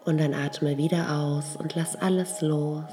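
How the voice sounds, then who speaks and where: A woman leading a guided meditation, giving soft, calm instructions. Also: deep voice, a little slow, over music.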